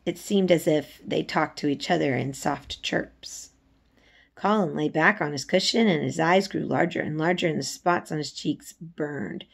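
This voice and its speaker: Like a teacher, a woman reads a storybook aloud expressively in a low, creaky, slightly rough voice, taking an unhurried pace. She's indoors in a small room, recorded on a phone at arm's length with faint room noise.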